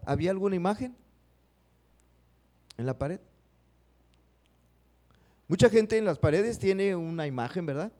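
A man's voice: high-pitched, lively intonation, a little slow, long pauses, warm tone. A man preaching a sermon, acting out prayers and putting questions to the congregation.

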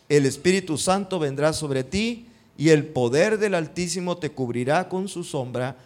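A man preaches a sermon, reading scripture aloud and repeating its key lines. He keeps turning to the congregation with rhetorical questions. His voice sits on the higher side for a man. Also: a little mellow.

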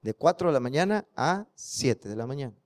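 A man's voice: medium pitch, animated, moderate pace, a little mellow. A man preaching a sermon, telling stories and asking the congregation rhetorical questions.

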